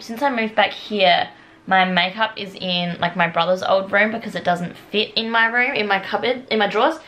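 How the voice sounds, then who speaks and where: An Australian woman in her twenties chats casually as a vlogger to a handheld camera held at arm's length, upbeat and rambling, out of breath after a workout. Her voice is mid-range and fairly bright, with a little hiss or hum. She films in her home kitchen and bedroom and also at a gym.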